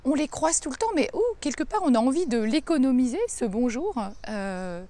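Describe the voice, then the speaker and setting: A woman, a coach giving an emphatic, lively motivational talk in a daily video, with playful asides. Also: high voice, moderate pace. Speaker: coach and speaker.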